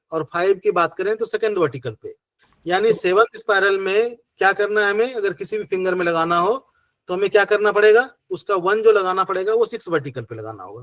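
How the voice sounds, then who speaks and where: High-voiced man teaching with a Hindi accent. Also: fairly bright tone, dry recording. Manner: patient, step-by-step, repeating rhetorical questions. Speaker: acupressure teacher. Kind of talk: online class explanation.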